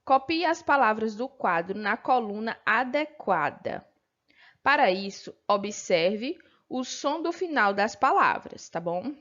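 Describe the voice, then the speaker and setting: A Brazilian woman teacher with a patient manner, slowly explaining a textbook lesson and checking in with her pupils. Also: on the high side, very animated, fairly bright tone, highs cut off. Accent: Brazilian Portuguese. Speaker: primary school teacher.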